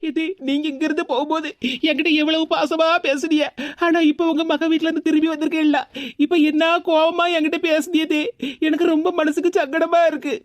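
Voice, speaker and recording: A woman voicing a fed-up young daughter-in-law in an animated cartoon, grumbling and complaining with a Tirunelveli Tamil accent. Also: high-pitched, fairly quick, no room sound, lightly acted. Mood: hurt. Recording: dull, dry, muffled audio.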